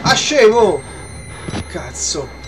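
A man's voice: sits high, big pitch swings, very slow, music in the background. A young man, giving horror let's play commentary, muttering to himself, swearing and yelping in fright. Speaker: gaming channel host.

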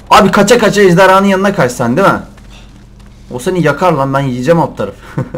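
A young man commentating a survival game in Turkish, shouting and cursing at the animals and laughing often. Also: fairly high pitch. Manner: excitable, swears and yells at the game, laughs often. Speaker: gameplay commentator. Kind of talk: let's play commentary.

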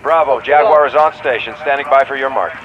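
An actor playing a calm male fighter pilot, heard as a muffled radio voice through an oxygen mask, with clipped, even military radio talk. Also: medium pitch, fairly quick, noisy background. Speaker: jet pilot giving air support. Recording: distant radio over loud gunfire.

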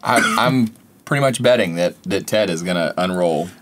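A man's voice: deep voice, moderate pace, a bit bright. A man co-hosting a casual taste-test show, chatty and rambling, laughing often between remarks.

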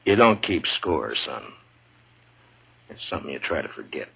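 A man's voice: rumbling low, very animated, moderate pace, gravelly, fairly bright tone, husky, full character voice. A man playing a tough, world-weary lawman, firm but fair and blunt, in a 1950s radio western. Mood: amused, gentle. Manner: authoritative, blunt. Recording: dull vintage radio recording.

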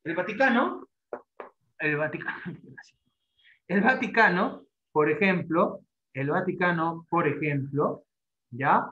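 A man's voice: on the high side, expressive, takes it slowly, pauses often, pushed and bright. Man lecturing in an echoey classroom. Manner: repetitive, rhetorical "¿no?" tags, many fillers. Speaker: literature teacher. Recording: echoey classroom, dull lo-fi sound.

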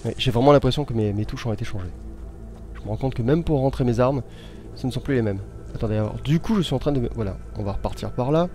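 Guy rambling over his gameplay, chatty and joking, soft music underneath. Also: mid-range voice, quick pace. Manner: chatty, jokey, addresses viewers directly. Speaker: let's play host. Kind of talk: casual gameplay commentary.

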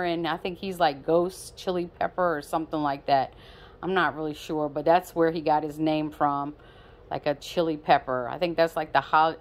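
A woman casually vlogging her pet cat at home on a phone, playful and repetitive as she talks fondly to him. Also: deep voice.

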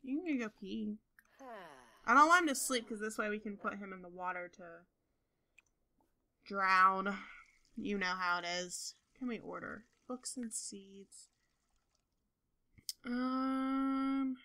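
A young woman with a bright, clear voice talks her way through a life-simulation game. She chats casually to her viewers and coaxes the characters on screen, and she breaks into excitable outbursts. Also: medium pitch, slow, long pauses. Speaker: gaming video host. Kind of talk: casual gameplay commentary.

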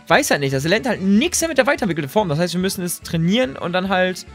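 A young man commentates his game in a slangy, excitable way and keeps turning to his viewers. His voice sits a little high, with faint music underneath. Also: fast. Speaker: let's play host.

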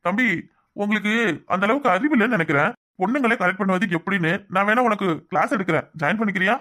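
A man's voice: high voice, quick pace, bright, forceful tone. A man voicing a smug, fair-skinned young rival in a cartoon, taunting and sneering, with a Kanyakumari Tamil accent. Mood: mocking. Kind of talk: cartoon voice acting.

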